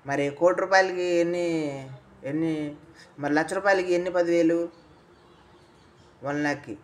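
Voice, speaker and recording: A man's voice: fairly high pitch, fairly even intonation, moderate pace. A man quizzing a young boy in a casual way, coaxing him along and repeating his answers back, then dictating lines phrase by phrase for the boy to repeat.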